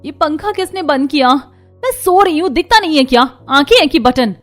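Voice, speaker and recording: Woman playing a spoiled cartoon daughter who talks back, higher voice. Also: animated, a little fast, faint music behind. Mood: angry. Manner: whiny, snappy. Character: spoiled bratty young woman, sharp-tongued daughter.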